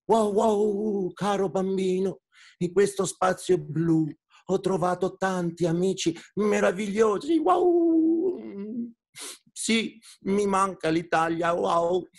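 A man voicing a wise, gentle male dog in a children's story, who barks between his words. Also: sits high, slow pace, full character voice. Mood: tender. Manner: barks "wow, wow" between every few words.

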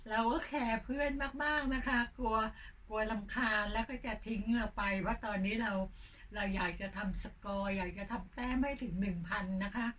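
Hoarse older woman chatting slowly. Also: medium pitch, fairly bright tone. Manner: slow, unhurried talk. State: hoarse, coughing. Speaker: channel host. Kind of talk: casual vlog chat. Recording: distant mic with faint noise.

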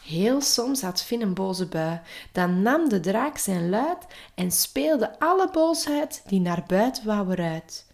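Slow, lively woman reading a picture book. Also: mid-range voice. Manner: slow, expressive storytelling. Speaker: teacher.

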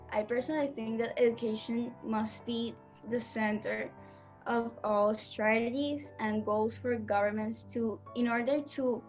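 A teenage girl from Colombia, a Spanish native speaker, talking slowly and searching for words into a laptop camera. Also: on the high side, muffled recording. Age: teens. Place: bedroom at home. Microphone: laptop webcam.

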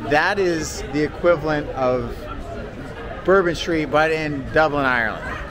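A man's voice: a little high, measured pace. A man talking casually as a travel vlogger, walking city streets and pubs with a handheld camera. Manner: casual, chatty, slangy. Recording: street crowd and music behind.

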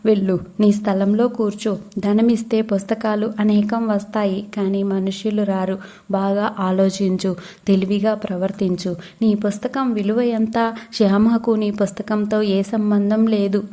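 A woman voicing a calm old male saint who gently scolds a quarrelsome devotee in slow, measured words. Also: mid-range voice, lightly acted. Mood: calm rebuke.

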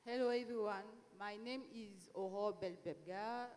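A woman from Cameroon introducing herself briskly on a conference panel, on a handheld mic in a large hall. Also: mid-range voice, darkish tone. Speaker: panelist, edtech entrepreneur. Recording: long hall reverb.

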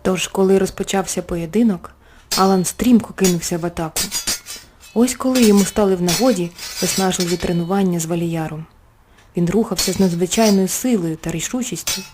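A woman narrating a bedtime fairy tale in a gentle, expressive storytelling manner. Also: medium pitch, noisy background. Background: soft background music.

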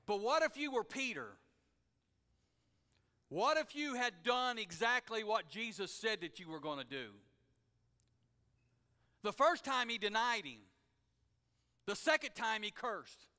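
High, bright preacher. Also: male voice, clear, resonant tone. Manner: folksy and conversational, swelling to shouts. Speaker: pastor. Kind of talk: sermon. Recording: long hall reverb.

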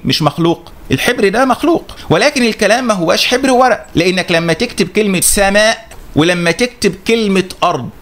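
Egyptian male religious teacher, brisk rhetorical lecture, high and fast. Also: fairly bright tone. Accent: Egyptian Arabic. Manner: poses rhetorical questions and answers them himself. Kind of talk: religious lecture refuting a critic.

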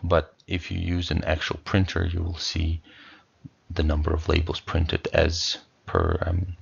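A man walking through business software in a screencast tutorial, explaining in a relaxed way with many fillers. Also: a bass voice, a little slow, gravelly, slightly rough, dull audio.

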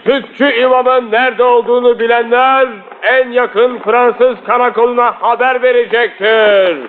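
Town crier, high voice, slow formal proclamation, stern period film role, tinny old soundtrack. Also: male voice, fairly even intonation, a little hiss or hum. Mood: proclaiming, stern. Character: loud town crier proclaiming military orders. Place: outdoor market streets.

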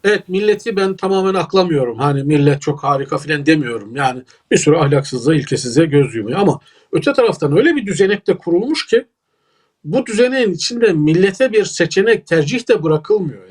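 A man's voice: high-pitched, darkish tone. A man with a Turkish accent, a political scientist giving emphatic, lecturing analysis as an interview guest.

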